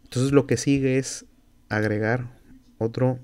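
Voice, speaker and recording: A man with a Mexican Spanish accent teaching a software tutorial as a university instructor, explaining each step aloud with fillers and self-corrections. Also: mid-range voice, fairly even intonation, a little slow, clean tone. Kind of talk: screen-recorded software tutorial.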